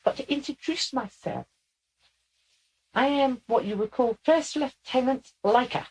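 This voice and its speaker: A woman's voice: sits high, measured pace, husky, voice pushed up, full character voice, rough recording. A woman voicing an eighteen-year-old female alien cadet officer, eager and formal in a channeling session. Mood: chirpy formal. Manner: bright, chirpy, polite and formal. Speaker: channeled military spirit.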